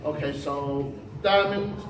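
A man's voice: a little high, slow. A young man doing a magic act on a small stage, chatting with the audience in a rambling, self-deprecating way with many restarts. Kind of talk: live stage patter with audience. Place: small stage hall with curtain. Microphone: distant camera, no mic. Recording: roomy hall echo, voice from far off.

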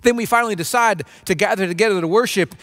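A man in his forties preaching a sermon from a stage, earnest and conversational, often restarting phrases and mimicking a low grumble. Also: quick pace, fairly bright tone. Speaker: pastor. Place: dim stage with spotlights, seated at small table.

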